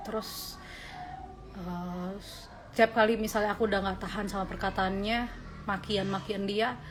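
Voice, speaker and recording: A woman's voice: mid-range voice, fairly even intonation, moderate pace, a little hiss or hum. A woman in her twenties talking casually on a livestream, answering viewers' questions with earnest, faith-centred advice. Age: 20s.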